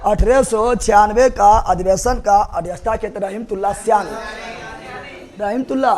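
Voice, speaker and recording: A man with a bright, high voice teaches history in a classroom, speaking. He repeats each name and date several times and keeps quizzing his students. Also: normal speed, some chatter behind. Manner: drills facts by repetition, quizzes students.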